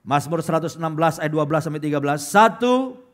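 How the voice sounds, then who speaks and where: A male pastor preaching a lively sermon, calling out loudly and dropping to quiet asides. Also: a little high, very fast. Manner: lively preaching, swings between loud calls and quiet asides; acts out quoted churchgoers in put-on voices. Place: church hall.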